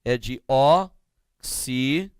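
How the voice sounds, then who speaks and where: A man teaching a grammar lesson, explaining slowly and often asking the class to check they follow. He speaks with a Brazilian Portuguese accent. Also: mid-range voice, clear, resonant tone, no echo, studio quality. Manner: slow, drawn-out explanations with frequent checking questions.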